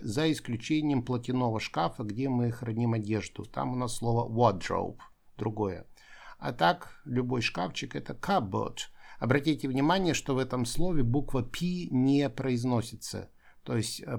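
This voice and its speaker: A man's voice: medium pitch, gravelly. A man teaching English vocabulary, explaining each word and repeating it for pronunciation practice. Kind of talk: vocabulary lesson.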